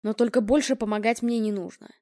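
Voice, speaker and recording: A woman voicing a blunt male police officer who lists points in a brisk, official way. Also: fairly high pitch, steady tone, mellow, no echo, studio quality, natural voice. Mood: businesslike.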